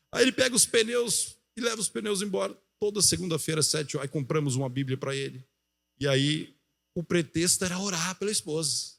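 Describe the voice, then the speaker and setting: A male pastor preaching a sermon in a church, telling a story with animated delivery and acting out the voices of the people in it. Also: medium pitch, gravelly. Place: church auditorium.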